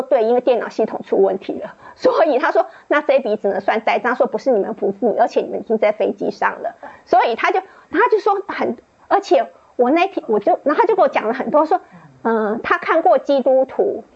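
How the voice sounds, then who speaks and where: A woman's voice: lively intonation, fast, gravelly, darkish tone, slightly rough. A woman sharing a personal faith testimony in a book club, telling her story casually with many restarts and fillers. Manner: laughs often, rising high when laughing. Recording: dull lo-fi recording.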